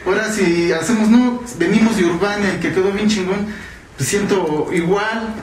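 A high-voiced man in his thirties with a Mexican accent, slangy and animated. His voice echoes in a noisy room. He chats in a loose, swearing style. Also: moderate pace. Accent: Mexican Spanish. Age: 30s. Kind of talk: casual interview answer. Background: noise.

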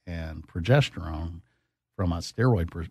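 A man's voice: low voice, measured pace, mellow, slightly rough, no room sound. A man, a doctor as guest expert, explaining in a teacherly way and quizzing the host with questions. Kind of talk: explanatory interview.

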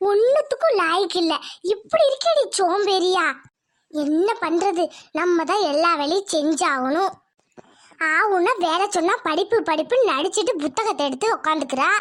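A woman's voice: extremely high pitch, lively intonation, normal speed. A woman voicing a middle-aged village mother who nags and scolds. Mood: scolding. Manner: nagging, scolding.

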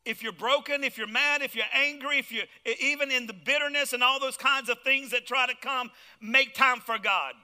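A man's voice: very high-pitched, moderate pace, hardly any pauses, sharp tone, clear, resonant tone, big-room sound. A man preaching a fervent sermon as pastor, throwing out call-and-response asides to his congregation. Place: church.

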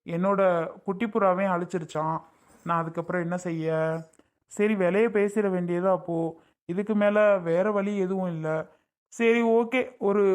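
A man's voice: sits high, clean tone, lightly acted. A man voicing a jealous young ex-husband in a Tamil cartoon drama, insistent and self-justifying as he tries to win back his wife. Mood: bitter.

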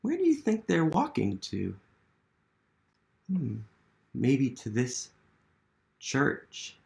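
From a small living room at home, an American man in his thirties leads a children's storytime as a museum literacy educator, reading aloud, asking questions and encouraging the young listeners. His medium-pitched voice swings hugely in pitch, moves extremely slowly, carries vocal fry and sounds a little mellow.

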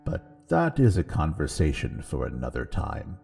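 A man voicing an ancient dragon god who is calm and kindly, speaking slowly and solemnly. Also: extremely low pitch, vocal fry, faint music behind, voice pushed down, heavily acted. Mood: gentle, solemn. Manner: slow, solemn, gentle delivery.

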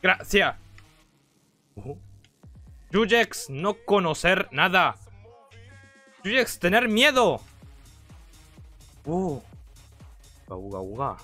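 A man's voice: sits high, sing-song, very slow, pauses often, bright, forceful tone, soft background music, full character voice. A man voicing a frightened, simple-minded primitive monster who grunts and stammers in broken caveman speech during a game roleplay. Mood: scared.

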